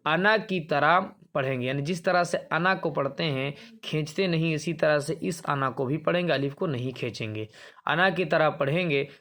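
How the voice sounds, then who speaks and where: Man teaching a reading lesson, slightly high. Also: a bit bright. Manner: explanatory, repeats words slowly to demonstrate, asks and answers himself. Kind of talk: explaining a lesson on a primer chart.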